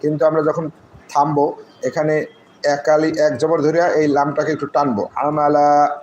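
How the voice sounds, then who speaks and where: A man teaching Quran recitation, breaking words into single syllables and drawing out the recited phrases. His voice sits a little high and stays flat in pitch. A faint hiss runs underneath. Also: highs cut off. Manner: slow syllable-by-syllable drilling, drawn-out recited phrases. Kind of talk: spelling out Arabic letters and vowels, then explaining.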